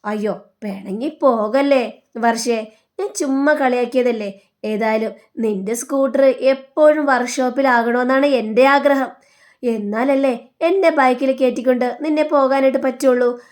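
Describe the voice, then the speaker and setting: A woman's voice: sits high, moderate pace, darkish tone, lightly acted. A woman reading the lines of a playful, teasing young man in a TV serial recap. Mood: coaxing.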